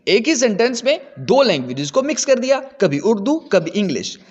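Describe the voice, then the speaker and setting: A man's voice: high-pitched, big pitch swings, brisk, slightly rough, big-room sound, highs cut off. A man giving an explanatory lecture as a teacher, repeating points for his students.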